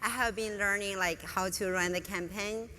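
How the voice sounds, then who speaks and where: A woman's voice: medium pitch, fairly even intonation, moderate pace, pushed and bright. A woman from northern China with a Chinese accent, answering interview questions on stage eagerly. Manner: eager, non-native phrasing. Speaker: student guest. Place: large conference hall. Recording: reverberant hall, faint room noise.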